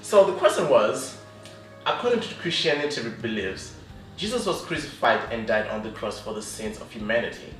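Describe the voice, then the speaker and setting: A man hosting a casual video chat with two guests, lively and jokey, often laughing. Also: mid-range voice, moderate pace. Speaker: host. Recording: echoey room, voice from a distance, faint music behind.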